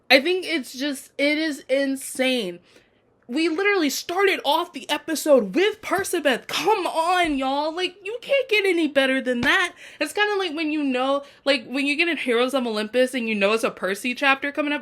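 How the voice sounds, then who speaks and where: A young woman chats casually to camera, gushing and rambling, peppering her talk with "like" and "y'all". Her voice sits a little high. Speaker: TV episode reviewer. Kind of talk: casual chat.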